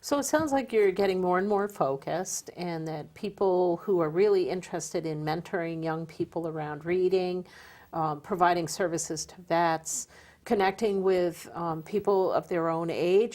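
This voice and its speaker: Lower-voiced woman hosting an interview. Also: a little mellow. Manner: measured, summarizing, promotional. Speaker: host.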